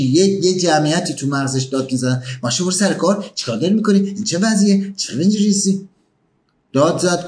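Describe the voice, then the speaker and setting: A man's voice: a little high, darkish tone, a little hiss or hum. A man giving a motivational talk, pressing the listener with emphatic questions. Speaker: motivational speaker.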